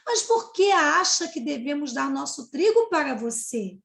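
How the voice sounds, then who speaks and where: A woman's voice: high-pitched, big pitch swings, unhurried, creaky, a bit bright, exaggerated voice. A woman voicing hard-working ants in a fable who question a lazy cicada reproachfully. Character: stern, questioning worker ants.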